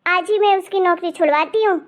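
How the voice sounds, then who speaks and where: Woman playing a mean snooty old cartoon granny, high shrill voice, snaps and scolds. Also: a little fast. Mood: scolding. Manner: harsh, contemptuous, scolding. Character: haughty scolding old grandmother of a rich girl. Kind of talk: animated cartoon voice acting.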